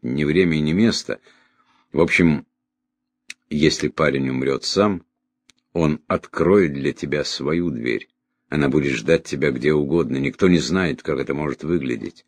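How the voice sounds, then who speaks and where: A man voicing a calm, confident mentor who explains things in a measured way. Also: very deep voice, no room sound. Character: calm, cheerful older male mentor. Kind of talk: audiobook character voice.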